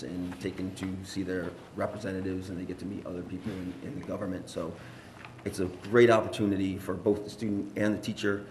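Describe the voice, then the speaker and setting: Man, very low voice, teacher and parent, earnest, rambling, board meeting, echoey room. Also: darkish tone, a little hiss or hum. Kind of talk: informal public remarks.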